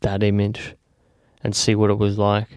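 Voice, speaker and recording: A man's voice: lowish voice, monotone, moderate pace, darkish tone, dry recording, studio quality. A man hosting an interview, asking questions in a casual, chatty way with many short acknowledgements. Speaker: interview host. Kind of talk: conversational interview.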